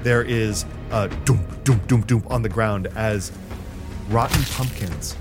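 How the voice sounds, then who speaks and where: Low-voiced male game master over music. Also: slow pace. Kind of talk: narrating a tabletop game.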